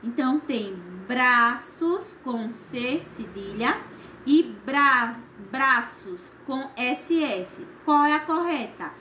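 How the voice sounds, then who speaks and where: A woman with a Brazilian Portuguese accent teaching a primary school class, explaining each exercise slowly and patiently and checking in with "certo?" after her points. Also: high voice, expressive, sharp tone, slight background noise. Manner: slow, patient, tags lines with "certo?". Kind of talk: recorded remote class lesson.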